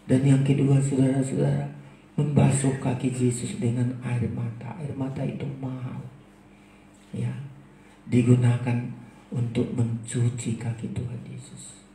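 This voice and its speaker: An older male pastor preaching with fervour, his voice dark and gravelly. He often climbs into loud, pleading prayer. Heard from a distance in a roomy church hall with faint background hiss. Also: mid-range voice, little pitch movement, a little slow. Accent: Indonesian, Medan. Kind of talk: sermon. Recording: echoey church room from far off, faint background noise.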